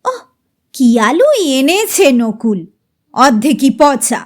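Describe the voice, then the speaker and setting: A harried mother who snaps and scolds in a raised, exasperated voice, as a woman storyteller puts her on. The voice sits high and moves in lively jumps, in an audio storybook. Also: takes it slowly, full character voice. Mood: snapping. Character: harried, short-tempered mother cooking in a kitchen.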